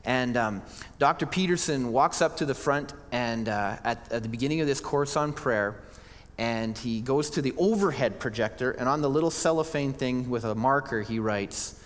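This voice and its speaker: A man's voice: medium pitch, moderate pace. A male pastor preaching a sermon in an earnest, conversational way, often restarting his sentences. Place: church sanctuary. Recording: church hall reverb.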